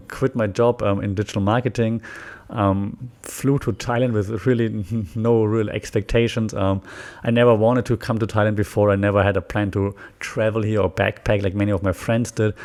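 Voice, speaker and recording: A German man with a German accent hosts his own podcast solo, his lowish, darkish voice rambling casually. He fills his talk with fillers and restarts and laughs often.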